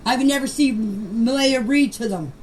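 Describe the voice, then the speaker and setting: Speaking at a moderate pace with a fairly high but darkish voice, an older woman shares an unscripted personal account. She is emphatic and defensive, leaning on repeated phrases, and the voice-message clips are noisy and amateur.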